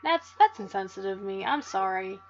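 A woman's voice: medium pitch, expressive, brisk, highs cut off, a little hiss or hum. A woman hosting a let's play, giving casual gameplay commentary in a jokey, profane, self-mocking way.

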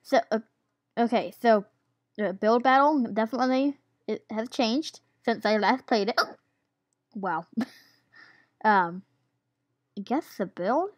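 A woman's voice: a little high, lively intonation, takes it slowly, pauses often, dry recording, clean studio sound. A woman giving casual gameplay commentary as a YouTuber, giggly and hesitant with lots of ums, while she has the hiccups. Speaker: gaming YouTuber.

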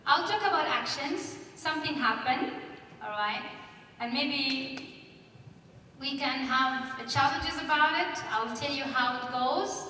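Her voice sits high and she takes her time, quizzing the audience with energy as she talks into a handheld microphone on a conference panel. The big hall makes the distant recording echo, and there's slight background noise.

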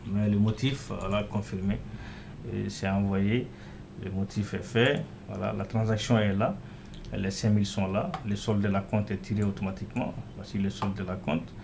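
A man giving a casual screen-recorded walkthrough of his clinic software, often saying "voilà" and "euh" as he clicks. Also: fairly low pitch, steady tone, normal speed, vocal fry, background noise. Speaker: software developer demonstrating his app.

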